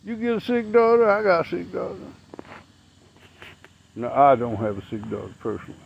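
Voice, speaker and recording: Gravelly sixty-year-old man ranting outdoors. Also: fairly high pitch, very animated, normal speed, highs cut off, slight background noise. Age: 60s. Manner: blunt, profane, preachy. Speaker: vlogger. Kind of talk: outdoor rant to camera.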